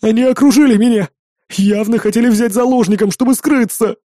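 A man voicing a frightened young male sidekick near tears, talking in rushed, broken sentences. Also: very high voice, warm tone, dry recording, clean studio sound, pitched above the performer's own voice. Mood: panicked.

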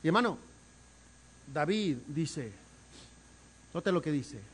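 A man preaching a sermon as pastor, swinging from quiet asides to loud, emphatic calls and repeating words for emphasis. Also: a little high, animated, takes it slowly, husky.

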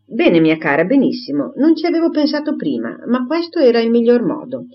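A woman voicing a fussy, anxious elderly gentleman who frets over food and health. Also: on the high side, wildly swooping pitch, a little fast, muffled recording, pitched above the performer's own voice. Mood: fretful. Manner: fussy, fretting.

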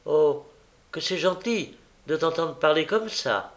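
Man doing a fawning young woman, audiobook, coaxing, raised voice, slightly gravelly. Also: on the high side, expressive, takes it slowly, voice pushed up. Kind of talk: audiobook character voice.

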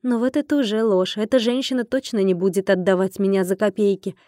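A woman narrating an audiobook in the first person, with even, wry storytelling. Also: medium pitch, a little fast, no room sound, clean studio sound.

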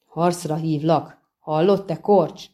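A woman voicing a loud taunting street thug. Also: low voice, fairly even intonation, natural voice. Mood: taunting, shouting. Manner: taunting, shouting, spitting insults. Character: brash young male thug picking a fight.

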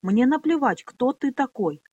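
Brief: woman reader voicing a proud working girl, defiant, firm, lively delivery. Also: sits high, a little slow, noisy background, voice pushed up. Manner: defiant, angry.

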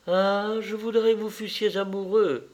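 A male reader doing a lovestruck young woman, higher and brighter than his own voice, pleading. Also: steady tone, measured pace. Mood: scolding.

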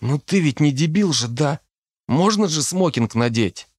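Anxious awkward teen boy done by a man, kinda high, keeps half-whispering his questions. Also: lively intonation, unhurried, breathy edge, no room sound, studio quality. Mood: nervous, fussy. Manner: timid, fussy, pleading. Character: nervous, awkward teenage boy. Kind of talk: audiobook character voice.

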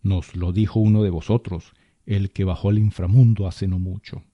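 A man's voice: low voice, steady tone, normal speed, warm tone, dry recording, muffled recording. A man voicing a vengeful collective spirit of drowned souls inside a small boy. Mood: menacing. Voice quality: thick, guttural voice. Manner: menacing, taunting.

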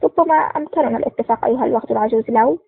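A woman voicing a cool, sarcastic male spy hero in an audiobook, in a low-key reading, with a dry, tinny sound. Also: racing, vocal fry, husky, no echo. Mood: mocking. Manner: cold and sarcastic.

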